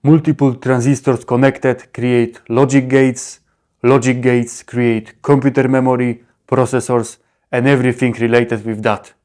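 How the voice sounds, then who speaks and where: A presenter explains electronics in a simplified, caveman-like broken English, using short, blunt phrases with little words dropped and often checking "okay?". His mid-range voice is level, unhurried, and a little mellow.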